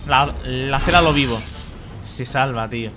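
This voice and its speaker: A man's voice: mid-range voice, measured pace. Swearing man streaming gameplay over music. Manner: swears and mutters at the game. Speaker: gaming streamer. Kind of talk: live gameplay commentary. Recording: game music behind the voice.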